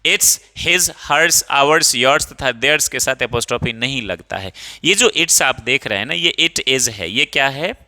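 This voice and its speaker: A young man teaching English grammar to a class, explaining step by step, reading example sentences slowly and checking often that students follow. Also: medium pitch, lively intonation, sharp tone. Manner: checks understanding often, calls students 'babu'.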